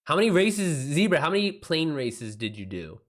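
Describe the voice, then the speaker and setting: His voice on the high side and sing-song, a man at normal speed runs an informal livestream, taking writing questions as an author. He reads and replies to messages with plenty of slang and swearing.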